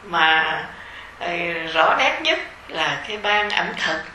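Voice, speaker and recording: A middle-aged meditation teacher with a Southern Vietnamese accent leads a dharma talk for her retreat group, slow, gentle, and unhurried, using soft conversational fillers rather than reading. Her bright, clear voice is fairly low and sing-song, ringing in an echoey hall with faint ambience and slight background noise.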